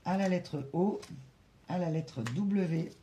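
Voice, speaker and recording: Hesitant, mellow-voiced card reader. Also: medium pitch, takes it slowly, a little hiss or hum. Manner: hesitant, many fillers, asides to spirit guides. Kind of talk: tarot-style guidance reading to camera.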